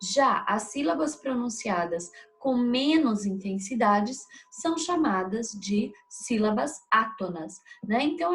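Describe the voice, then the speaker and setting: A woman teaching a video lesson, explaining step by step and checking in with frequent tag questions. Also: fairly high pitch.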